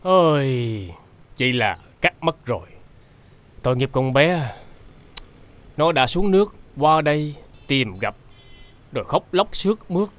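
Middle-aged dad teasing his son, southern vietnamese accent, slow and easy. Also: medium pitch, big pitch swings. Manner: teasing, unhurried. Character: teasing father of a grown son.

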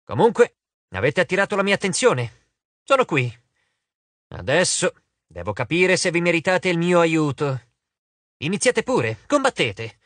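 A man's voice: a little high, sing-song, a little slow, pauses often, fairly bright tone, dry recording, full character voice. A man voicing a bored, drawling wine god. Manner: drawling, lordly, dismissive. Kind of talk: audiobook character voice.

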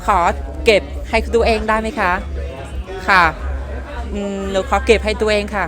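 A 19-year-old woman from Vietnam with a Vietnamese accent, speaking halting, simple non-native Thai as a pageant contestant in a casual interview. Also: mid-range voice, fairly even intonation. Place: busy indoor backstage makeup room. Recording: loud music and chatter behind.

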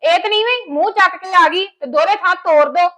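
A woman plays a bitter daughter-in-law, complaining at length in a very high, piercing voice. She sounds resentful and sharp, a village family drama figure airing old grievances. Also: a little fast.

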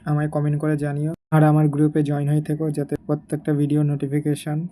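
A man teaching a lesson as a quiz, reading each question and then its correct answer in a steady drilling way. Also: a little high, fast, a little hiss or hum. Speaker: coaching teacher.

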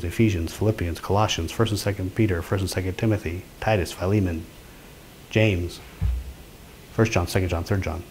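Leading a Bible class informally, a man chats with his students, poses questions, and has them take turns reading. He speaks with a fairly low pitch and a darkish tone, and there is slight background noise.

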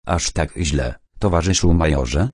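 A man's voice: a bass voice, a little slow, darkish tone, breathy edge, no room sound, clean studio sound, heavily acted. A man voicing a dutiful young army captain who sounds earnest and anxious. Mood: worried.

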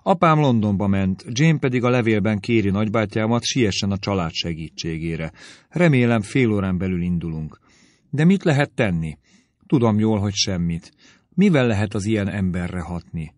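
A man's voice: on the low side, lively intonation, no echo, clean studio sound, natural voice. A male audiobook reader voicing a distressed young woman with an urgent, pleading delivery. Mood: anxious.

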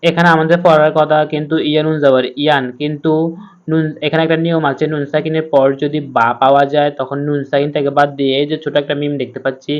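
A man teaching Quran reading, patiently spelling out each letter and sound in a slow step-by-step lesson. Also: a little high, little pitch movement, highs cut off.

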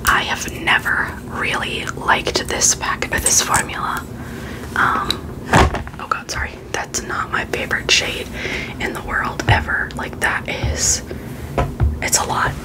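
A woman vlogger whispering in a soft, unvoiced ASMR style, chatting informally and giving frank opinions. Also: measured pace, low-quality recording. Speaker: beauty vlogger. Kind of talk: whispered ASMR, casual product chat.

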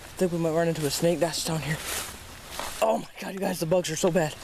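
Higher-voiced man vlogging outdoors, noisy recording. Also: fairly even intonation, fast talker, gravelly. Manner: informal, exclamatory, sweary, addresses viewers as "you guys". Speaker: host of amateur snake-catching vlog. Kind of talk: casual outdoor wildlife vlog chat. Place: outdoors by a creek in weedy woods. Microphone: handheld camera held by the speaker. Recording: noisy outdoor handheld camera audio.

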